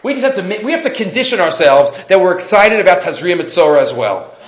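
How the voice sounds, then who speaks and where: High-voiced man teaching. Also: very animated, fast talker. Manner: emphatic, asks and answers own questions, repeats phrases. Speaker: rabbi teaching a Torah class. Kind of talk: animated religious lesson. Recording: echoey room, dull muffled sound.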